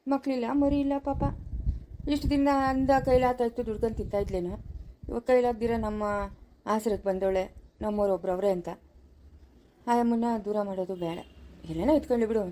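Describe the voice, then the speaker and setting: A woman's voice: medium pitch, brisk, pauses often, lightly acted. A woman voicing a stern older village woman in a family skit, with a rural Chikkaballapura Kannada accent, scolding and pleading. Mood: sympathetic. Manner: scolding, pleading, rising to sharp questions.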